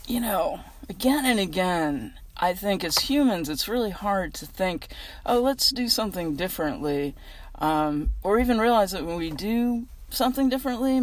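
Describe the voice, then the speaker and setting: An American woman giving a casual inspirational reflection outdoors in a parking lot, talking in a chatty, earnest, conversational way. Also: fairly low pitch. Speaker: vlogger giving a weekly inspirational message. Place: outdoors in a gym parking lot in freezing cold.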